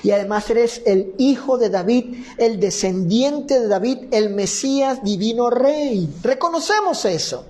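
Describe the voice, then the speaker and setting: A man's voice: very high-pitched, animated, unhurried, hardly any pauses, darkish tone, low-quality recording. A man teaching a Bible lesson, reading scripture and then explaining it point by point to his listeners. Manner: addresses listeners as brothers.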